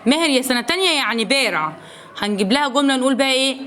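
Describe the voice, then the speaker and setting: A woman's voice: sits high, expressive, rapid-fire, bright, forceful tone, slight background noise. A woman teaching a recorded Arabic lesson for young pupils in an Egyptian accent. She asks the children questions and then answers them herself, repeating the key words. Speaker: primary school Arabic teacher.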